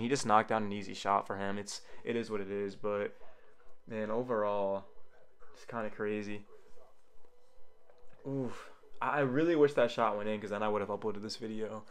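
A man giving casual live play-by-play of a game to his viewers, rambling and excitable, jumping to loud shouts when big plays happen. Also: mid-range voice. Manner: rambling, talks straight to viewers. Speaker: YouTuber reacting to a live game.

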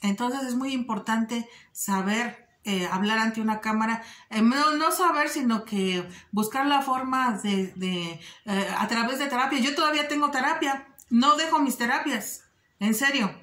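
A woman talking earnestly and directly to her viewers in a casual vlog, often pausing on fillers. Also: on the high side, a bit bright, reverberant. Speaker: vlogger giving advice. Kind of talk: casual direct-to-camera talk.

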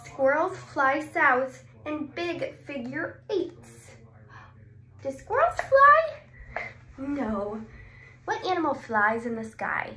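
This high-pitched woman in her twenties is a speech therapist reading a kids' picture book expressively, exclaiming and pausing after each question before supplying the answer. The small indoor clinic room gives the audio a roomy echo, and background noise is clearly audible.

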